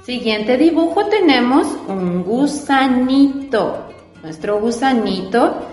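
A woman's voice: on the high side, expressive, takes it slowly, darkish tone. A woman teaching children to read, spelling out syllables patiently and asking the class simple questions. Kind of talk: reading and spelling lesson for children. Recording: echoey room with long reverb and faint music.

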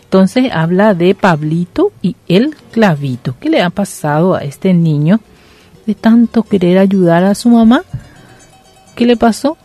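Slow, patient woman teacher explaining a lesson. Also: medium pitch, expressive, mellow, soft background music. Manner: patient, coaxing, repeats "¿sí?" and "entonces". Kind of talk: slow classroom lesson with a read-aloud story.

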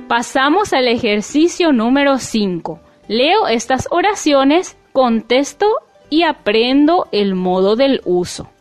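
A woman teaching a language lesson, explaining slowly and clearly, with faint music behind her. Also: high-pitched, big pitch swings. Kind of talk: classroom lesson.

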